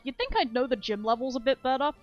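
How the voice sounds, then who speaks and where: A woman's voice: high voice, lively intonation, fast, dull audio, soft background music. A woman streamer chatting casually and rambling enthusiastically about speedrun details, swearing freely. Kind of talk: casual game-stream chat.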